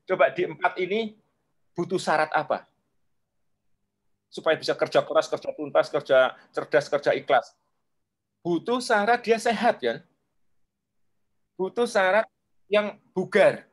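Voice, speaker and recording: A man, guest leadership coach, explaining at length and acting out examples, often sinking to a soft low voice. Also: a little slow, long pauses. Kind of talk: explaining in an online talk.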